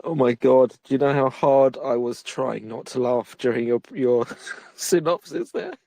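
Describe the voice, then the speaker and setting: Casting note: male film-review podcast co-host, giggly and rambling, mid pitch, dry close mic. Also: animated, measured pace, vocal fry, darkish tone, no echo. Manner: chatty, laughs often, rambling restarts. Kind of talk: casual film-review chat.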